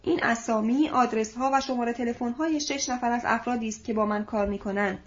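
Calm, assured older male manager, read by a woman with a fairly high voice; dull lo-fi audiobook sound. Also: natural voice. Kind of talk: audiobook reading. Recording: dull lo-fi recording.

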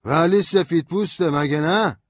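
A man's voice: a little high, dry recording, clean studio sound, pitched above the performer's own voice, lightly acted. A man voicing a drunk, hostile middle-aged lawyer who talks bluntly and distrustfully.

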